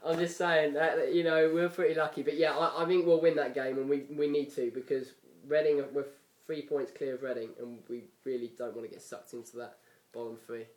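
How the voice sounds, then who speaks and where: A man's voice: a little high, steady tone, fairly quick, few pauses, darkish tone, echoey room, recorded from a distance. A chatty man from England hosting a casual football podcast, predicting match results and laughing often. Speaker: podcast host.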